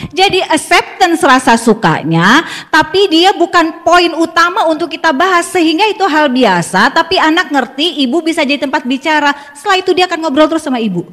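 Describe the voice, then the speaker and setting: A middle-aged woman psychologist giving a lively parenting seminar in a school hall, acting out the lines of parents and children as she goes. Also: sits high, fairly quick. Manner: animated, acts out parent and child lines, laughs with audience. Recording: long hall reverb.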